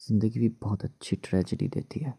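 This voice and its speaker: A man voicing a young husband married to his ex, gruff but tender, in a hushed, soothing, teasing whispered role-play. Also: fairly low pitch, brisk, no room sound, full character voice.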